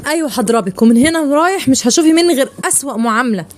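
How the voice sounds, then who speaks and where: A woman's voice: high-pitched, expressive. An actress with an Egyptian accent playing a strict mother who scolds and gives orders to her eldest daughter. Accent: Egyptian Arabic. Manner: bossy, scolding, fast. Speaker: mother in a family skit.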